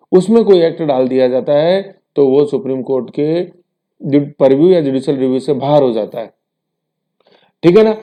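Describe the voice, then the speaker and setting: A man with a fairly high, warm voice teaches an exam-prep lesson conversationally. He makes rhetorical asides to his students and mixes English terms into his speech.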